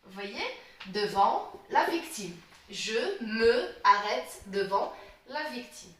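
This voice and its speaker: A woman teaching a French grammar lesson, explaining slowly, repeating herself and often checking that the class follows. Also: fairly high pitch, animated, a bit bright. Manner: slow, repetitive explaining, checks understanding often. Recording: echoey, distant, faint noise.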